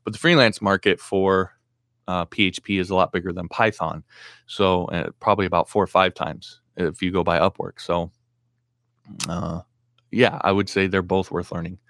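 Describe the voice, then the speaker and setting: A man's voice: low voice, steady tone, moderate pace, creaky, a bit bright, no echo, clean studio sound. A man hosting a casual live stream Q&A, reading viewer comments aloud and answering with blunt, practical advice, full of fillers and restarts.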